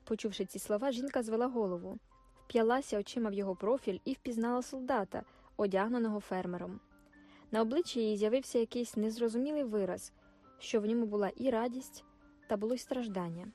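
A woman reading a classic novel aloud as audiobook narrator, measured and expressive. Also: on the high side, soft background music.

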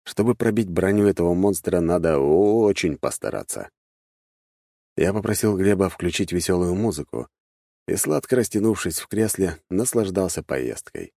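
A man narrating an audiobook in a measured, wry storytelling manner. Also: low voice, animated, creaky, dark tone, no room sound, studio quality.

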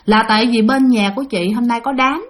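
A woman's voice: on the high side, fairly quick, close to an everyday voice. A woman with a Southern Vietnamese accent voicing a sister-in-law politely asking a favor. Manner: polite requesting.

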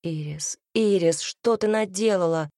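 A woman's voice: lowish voice, moderate pace, a little mellow, no echo, clean studio sound. A woman reading the part of a fiery, defiant young man in a storybook, speaking with vehemence and bitterness. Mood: despairing. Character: young man, hot-tempered, defiant, devoted lover.

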